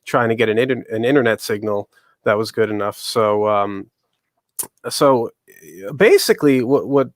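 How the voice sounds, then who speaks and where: A man's voice: fairly low pitch, expressive, moderate pace, dry recording, studio quality. A man moderating an interview, asking long, rambling questions full of fillers. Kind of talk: casual interview.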